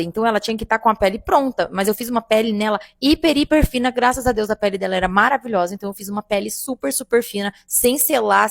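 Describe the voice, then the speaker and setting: Brief: young woman, makeup artist, gravelly, dry close mic, casual animated storytelling. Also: fairly high pitch, no echo. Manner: animated, addresses listeners as "gente". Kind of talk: casual first-person storytelling.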